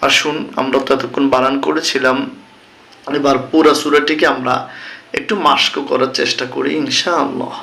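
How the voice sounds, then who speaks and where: A man teaching Quran reading, spelling out each Arabic letter and vowel mark slowly, then chanting the words in a melodic recitation. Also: medium pitch, steady tone, creaky, pushed and bright, echoey room. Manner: slow, deliberate spelling, breaking into melodic recitation.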